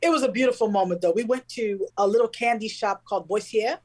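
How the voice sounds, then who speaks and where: A woman co-hosting a casual chat, describing things with warm enthusiasm. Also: medium pitch, fast talker, husky, poor audio.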